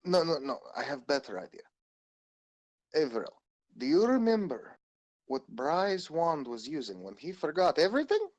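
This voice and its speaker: A man's voice: fairly high pitch, sing-song, normal speed, dull audio. A man arguing in character at a tabletop game, his voice swinging up and down as he pushes his point. His put-on Russian accent slips in and out. He talks stubbornly and keeps cutting in. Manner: argumentative, with a put-on Russian accent that comes and goes. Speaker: player. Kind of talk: in-character tabletop role-play.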